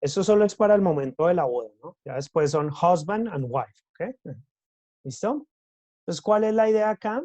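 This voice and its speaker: A man's voice: high-pitched, animated, moderate pace, dark tone, dry recording. Man teaching English, dry sound. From Colombia. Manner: switches between Spanish and English, checks in with repeated "listo?". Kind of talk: recorded class explanation.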